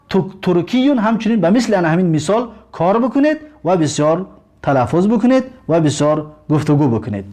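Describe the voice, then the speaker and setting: A man with a Tajik accent teaching a recorded language lesson, explaining words slowly, repeating them and translating each one. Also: sits high, darkish tone.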